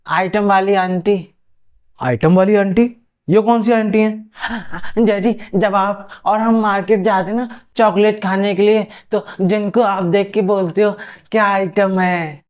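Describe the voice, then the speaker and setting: Man doing a slow-talking cheeky little boy. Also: sits high, smooth. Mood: tattling. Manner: slow, childish, drawn-out words. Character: cheeky little boy, blurts out family secrets.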